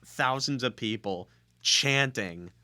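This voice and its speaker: Young male podcast host, bright and dry, casual joking chat. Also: medium pitch, takes it slowly, dry recording. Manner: joking, rambling with restarts.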